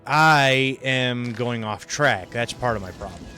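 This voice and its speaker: A man's voice: medium pitch, slow pace, bright, forceful tone, faint music behind. A tired man giving rambling gameplay commentary on a livestream, thinking aloud with many fillers, over a headset mic. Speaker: streamer.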